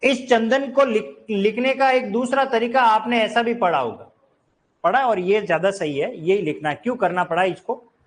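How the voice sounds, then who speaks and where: A man's voice: high-pitched, expressive, normal speed. A man teaching a grammar class, explaining step by step and quizzing his students. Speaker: Hindi teacher. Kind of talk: classroom lecture.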